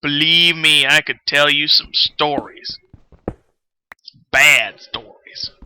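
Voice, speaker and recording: A man hosts a game livestream, casually rambling with plenty of swearing and self-deprecation while he plays. His voice is a little high, steady and slow, bright, forceful and smooth, on a rough recording.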